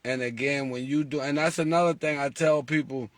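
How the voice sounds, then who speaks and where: In a dry recording, a mid-range male voice moves a little fast. It belongs to a lottery group leader chatting with followers, lively and rhetorical, who acts out the people calling in.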